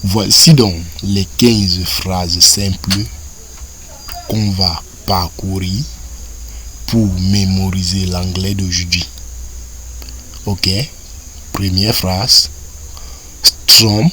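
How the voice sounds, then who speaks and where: Very slow, bright-voiced male language teacher. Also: low voice, steady tone, slight background noise. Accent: Cameroonian French. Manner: repeats each word several times in a slow drilling cadence. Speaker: English teacher. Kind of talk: French-language vocabulary and grammar lesson.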